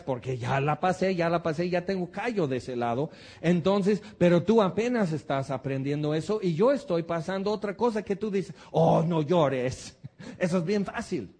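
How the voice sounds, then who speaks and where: A man preaching a sermon, earnest and animated, full of rhetorical questions. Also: on the high side, husky.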